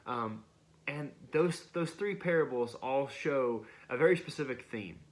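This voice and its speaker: A young man gives a sermon in a relaxed, conversational way, sounding more like a talk with friends than a formal address. He often stops mid-phrase, repeats a word and starts over as he works through his point. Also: mid-range voice, measured pace. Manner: conversational, frequent restarts and repeated words. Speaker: preacher. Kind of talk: casual sermon.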